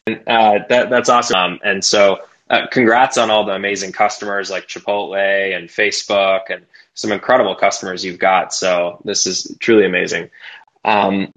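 Low-voiced man hosting a podcast. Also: little pitch movement, moderate pace, fairly bright tone, rough recording. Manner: eager and encouraging, with fillers. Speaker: podcast host. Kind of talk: casual interview questions.

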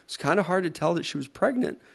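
A man's voice: high voice, lively intonation, fast, gravelly, breathy edge. A man co-hosting a talk show, telling stories casually and bluntly, swearing freely. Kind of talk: casual banter and storytelling.

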